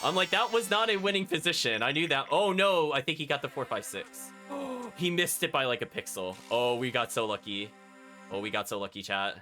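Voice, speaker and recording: Over game music, a man streams gameplay, thinking aloud and chatting casually to his audience. His mid-range voice runs a little fast, pushed and bright.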